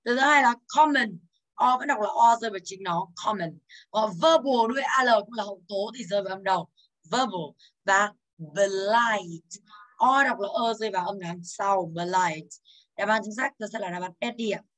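A woman's voice: mid-range voice, a little fast, a bit bright, low-quality recording. A young woman teaching English, going through exam answers and teasing her students as she asks them for each answer. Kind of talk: exam answer walkthrough lesson.

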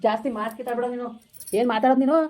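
A woman's voice: a little high, steady tone, close to an everyday voice. A woman playing an angry old village man who scolds and threatens his wife in a comedy skit. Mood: angry scolding. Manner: harsh shouting threats, rapid scolding.

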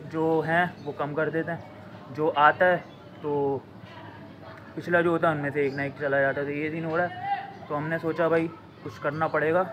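Slow-talking young man. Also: fairly high pitch. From Pakistan. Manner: slow, drawn-out talk that stumbles over words. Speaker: vlogger. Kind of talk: casual vlog talk to camera. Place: outdoors on a home rooftop. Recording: noisy outdoor background.

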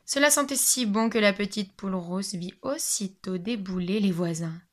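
A woman, a teacher, reading a picture book aloud to young children with lively storytelling, dropping at times to a whisper and explaining words. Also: medium pitch, normal speed.

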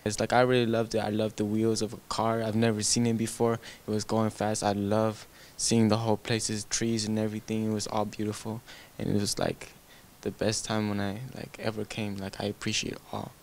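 A man's voice: fairly low pitch, monotone, brisk, a little mellow. A teenage boy from Thailand, a youth soccer player, speaking heartfeltly and often saying "like", into a handheld microphone indoors. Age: teens. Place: indoor room.

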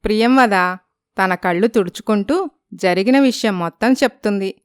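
A woman narrating a scripted moral story in an even storytelling manner. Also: mid-range voice, normal speed, smooth, no echo, studio quality.

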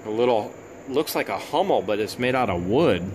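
Excitable man unboxing storage finds. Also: normal speed, background noise. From United States. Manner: excitable, bursts into high exclamations over finds. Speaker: storage unit reseller vlogger. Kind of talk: casual unboxing narration.

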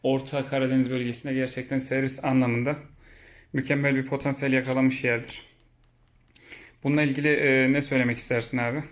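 A man's voice: mid-range voice, level tone, fairly quick. A man hosting a casual vlog tour and interview in a car repair workshop, talking with frequent hesitation fillers. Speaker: host touring a car repair shop.

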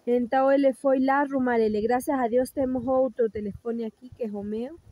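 A young woman vlogs from her rural mountain home, holding a phone camera and showing viewers things around her in casual show-and-tell. She chats directly to them, slow and explanatory, in a high, steady, warm voice. There's no echo, but the audio is poor.

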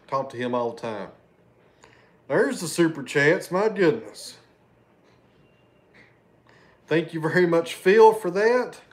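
This man has a fairly high voice with lively intonation, speaking slowly and pausing often. He's hosting a casual livestream from his living room, reading super chats, chatting with viewers, and thanking them by name, though he loses his train of thought.

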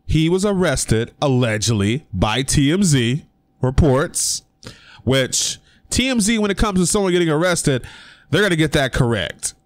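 A man's voice: fairly high pitch, expressive, a little slow, no room sound. A young man talking casually on his own vlog, giving his opinion with emphatic rhetorical questions. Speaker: sports commentary vlogger. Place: indoor room.

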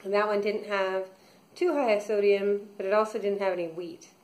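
A woman in her thirties, a vlogger, records a casual video diary in a small room at home, rambling with many fillers and restarts. Her mid-range, darkish voice keeps a steady tone at a moderate pace, and the room sounds echoey.

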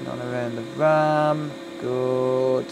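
A man's voice: mid-range voice, little pitch movement, drawn-out words. A British man chatting casually as he works, with blunt, sweary, joking banter. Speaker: repairer hosting a live stream. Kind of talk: casual chat while working. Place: indoor electronics repair workbench. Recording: clearly noisy workbench live-stream recording.

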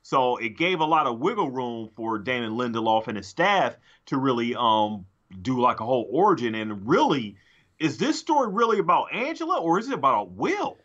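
A middle-aged man co-hosts a casual podcast from a room at home, joining by video call on a studio mic, and the call audio comes through dull and lo-fi. He's hesitant, restarting often and leaning on fillers. His mid-range voice swings widely in pitch, a bit bright, at a moderate pace.

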